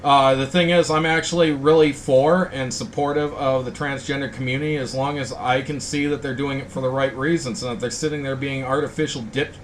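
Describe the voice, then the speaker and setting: A man's voice: medium pitch, steady tone, fairly quick, few pauses, a little hiss or hum. A man hosting a casual talk video, rambling in a blunt, indignant way. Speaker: host. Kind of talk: casual ranting chat.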